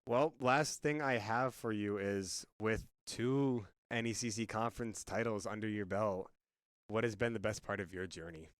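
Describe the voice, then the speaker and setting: Casting: young man, interviewer, mid pitch, clear smooth tone, relaxed. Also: normal speed, dry recording. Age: young adult. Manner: relaxed and friendly, loose phrasing. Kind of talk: casual interview.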